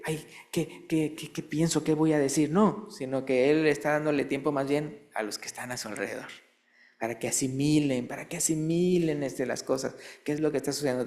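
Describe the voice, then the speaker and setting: A man preaching a sermon in a church, explaining quietly, then reading scripture in a high, drawn-out, emphatic voice and often asking his listeners questions.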